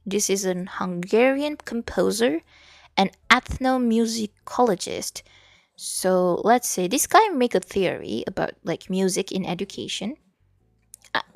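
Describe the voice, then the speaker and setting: A woman's voice: mid-range voice, expressive, unhurried, creaky, no echo, studio quality. A young Malaysian woman streaming while she studies, chatting casually with viewers and reading their messages aloud. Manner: chatty, mixes English and Malay, reads chat aloud. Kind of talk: casual study stream chat.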